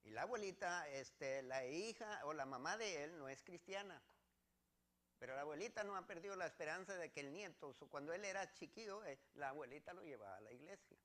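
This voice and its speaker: A man's voice: fairly high pitch, expressive, fairly quick, fairly bright tone. A man from Mexico, preaching a sermon as pastor and reading scripture verses with earnest repetition.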